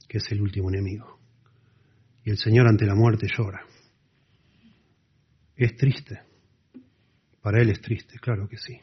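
A man preaching a sermon, explaining scripture earnestly and dropping to soft emphasis. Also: lowish voice, slightly rough. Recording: dull lo-fi sound.

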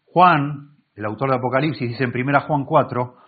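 Male pastor, expository sermon, husky voice, narrow phone-like sound, restarts words as he explains. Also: medium pitch, normal speed. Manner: reads scripture aloud and explains it, with many self-corrections. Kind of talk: Bible-teaching sermon. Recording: tinny phone-like recording.

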